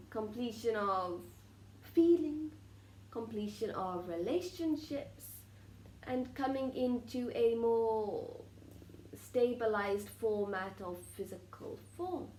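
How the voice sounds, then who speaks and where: A woman speaks as a channelling medium in a seance, solemn and formal. Her voice sits a little high and moves very slowly, with deliberate pauses. The room adds clear echo around her oracular phrasing. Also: a little mellow. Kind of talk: trance channelling, like a seance medium delivering spiritual messages. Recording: roomy echo with faint background noise.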